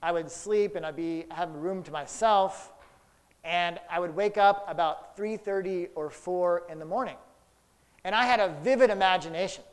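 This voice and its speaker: Man, sermon, high voice, storytelling preacher, swings from loud to hushed, long hall echo. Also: moderate pace. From Houston area. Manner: storytelling, dramatic swings in loudness.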